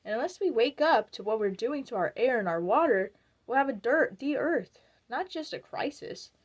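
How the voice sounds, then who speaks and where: A woman's voice: fairly high pitch, animated, moderate pace. A woman playing a wry, outspoken ex-beauty queen. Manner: wry storytelling with acted quotes. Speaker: actor performing a monologue. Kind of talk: theatrical monologue.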